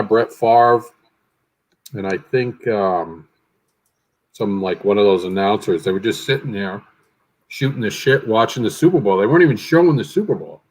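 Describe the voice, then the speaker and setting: A man's voice: lowish voice, poor audio. A man in a casual league chat, easygoing and laid-back.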